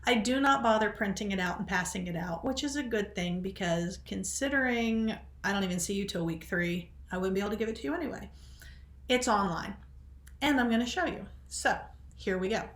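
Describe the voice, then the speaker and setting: A woman teaching biology in a loose, rambling way, often poking fun at herself. Her voice sits at an ordinary middle pitch and she sounds a little short of breath. The recording has a noticeable room echo. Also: brisk, fairly bright tone. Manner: rambling, self-deprecating, chatty. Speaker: biology instructor. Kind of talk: casual recorded lecture.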